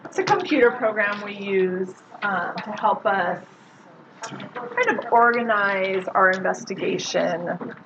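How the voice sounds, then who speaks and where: A woman's voice: medium pitch, big pitch swings, slow pace. A woman, a social worker, giving a casual classroom lecture and quizzing the audience. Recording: muffled lo-fi recording with loud background noise.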